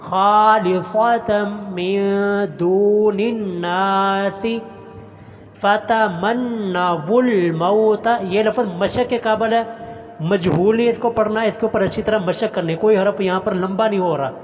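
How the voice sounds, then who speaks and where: A male Quran teacher recites each word slowly and drawn out, then explains its pronunciation briskly. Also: sits high, fairly even intonation, in a large hall, highs cut off. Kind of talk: recitation lesson.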